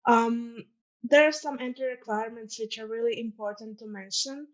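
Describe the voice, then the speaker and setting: A woman's voice: a little high, steady tone. A young woman from Croatia with a Croatian accent, presenting her study programme as a student ambassador in an earnest, informal way with many ums and uhs. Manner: earnest, fills pauses with um and uh. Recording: dull lo-fi sound.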